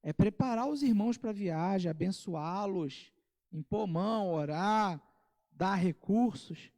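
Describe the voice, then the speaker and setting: A man with a Brazilian Portuguese accent leads a Bible study. He reads scripture slowly, then explains it in a casual way with asides and light humor. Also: sits high, warm tone, in a large hall. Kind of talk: conversational Bible study teaching. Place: church.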